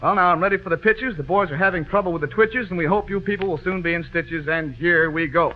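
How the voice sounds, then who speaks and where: High-voiced bantering 1940s radio host. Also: male voice, quick pace. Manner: jokey, bantering with the band. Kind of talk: 1940s radio quiz patter. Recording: dull lo-fi old radio broadcast.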